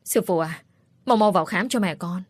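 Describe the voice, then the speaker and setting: A woman's voice: fairly low pitch, moderate pace, no echo, close to an everyday voice. A woman voicing a fierce, protective young daughter who threatens her father and speaks politely to the healer. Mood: polite pleading. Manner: defiant, threatening, then polite.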